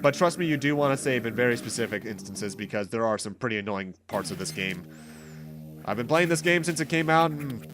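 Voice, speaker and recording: Game music and background noise sit behind a male host as he rambles through let's play commentary, chatty with a touch of wryness. His mid-range voice has lively intonation and moves a little fast.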